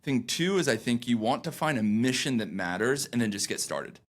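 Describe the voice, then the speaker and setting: A young male founder is being interviewed on a casual podcast, his mid-range voice lively in intonation and normal in speed. He rambles loosely, full of fillers and restarts.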